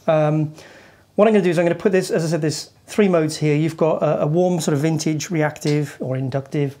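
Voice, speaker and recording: A man's voice: a little high, fairly even intonation, fairly quick, dark tone. Chatty man demoing guitar gear. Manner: explanatory, loose, with many fillers and restarts. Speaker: co-host demonstrating guitar gear. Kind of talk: casual chat with a gear demo. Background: faint guitar playing.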